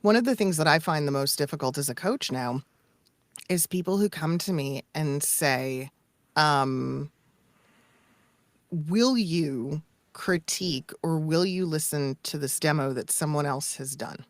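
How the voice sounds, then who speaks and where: A middle-aged woman who works as a voice acting coach and demo producer speaks candidly and emphatically in a casual podcast conversation, repeating phrases for effect. Her voice sits low and unhurried, with no room sound.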